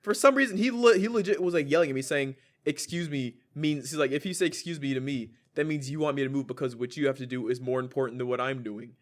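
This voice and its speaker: A man of medium pitch talks quickly with hardly any pauses as he co-hosts a podcast. He tells a story in casual chat, packed with fillers, frequent "likes," and laughter.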